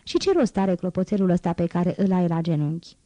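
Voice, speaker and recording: A woman's voice: fairly low pitch, animated, warm tone, no room sound, close to an everyday voice. A woman voicing a grave, cautious man. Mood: serious. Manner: measured, serious.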